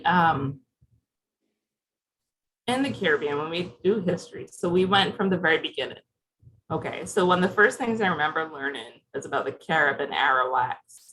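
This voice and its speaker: This Barbadian woman's voice is fairly low and a little bright, captured in poor audio. She's presenting conversationally on a video call, putting questions to the people listening in an interactive format.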